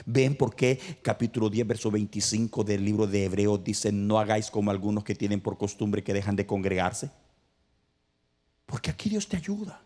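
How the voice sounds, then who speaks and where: A man preaching a passionate sermon as pastor, rising to loud high cries and dropping to near-whispers. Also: little pitch movement, fairly quick, hardly any pauses.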